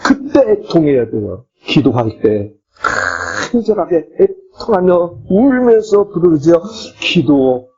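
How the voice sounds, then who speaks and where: A man preaches a sermon with an emphatic, animated delivery, his voice sitting a little high and swinging widely. His tone is mellow and slightly husky. The recording sounds dull and lo-fi. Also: a little slow. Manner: emphatic, swinging between high exclamations and low asides. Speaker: pastor.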